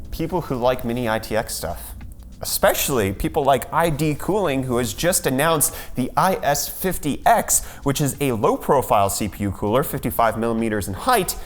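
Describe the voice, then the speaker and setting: A man hosting a casual tech news rundown, sarcastic and full of jokey segues. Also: medium pitch.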